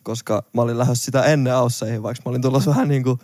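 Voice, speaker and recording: A young man from Finland, a podcast co-host telling a travel story in casual chat, lively and laughing, with some swearing. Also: mid-range voice, dry recording.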